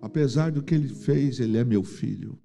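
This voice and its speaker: A man voicing an aging father who quietly longs for his lost son, in a hushed, sorrowful tone. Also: mid-range voice, normal speed, vocal fry, faint music behind, voice pushed down, close to an everyday voice. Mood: longing.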